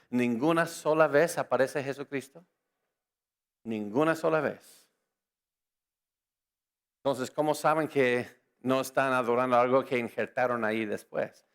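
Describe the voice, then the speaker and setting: A man whose first language is English, giving an apologetics lecture to a church audience, lively and joking, firing rhetorical questions at the crowd. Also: mid-range voice, unhurried, pauses often, smooth. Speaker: conference speaker.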